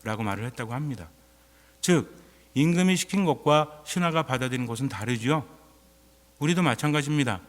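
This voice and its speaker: Priest preaching in a reverberant church. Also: male voice, mid-range voice, animated, brisk, long pauses. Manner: conversational preaching, quizzing the congregation. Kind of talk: sermon. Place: church before a congregation.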